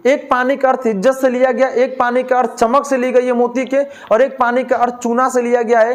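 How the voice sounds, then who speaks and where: Lecturer quizzing and joking with his class. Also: extremely high pitch. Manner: asks questions and answers them himself, jokes with students. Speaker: teacher.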